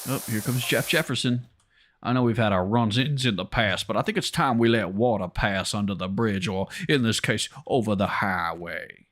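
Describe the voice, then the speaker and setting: A man's voice: medium pitch, moderate pace, few pauses, fairly bright tone, a little hiss or hum, close to an everyday voice. A man voicing a pompous male mayor, reading game dialogue in a put-on southern drawl. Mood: smug.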